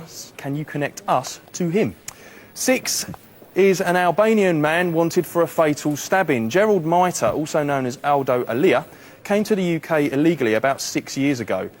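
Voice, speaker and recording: A man presenting from a television studio, reading out wanted suspects in a brisk, matter-of-fact way. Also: a little high.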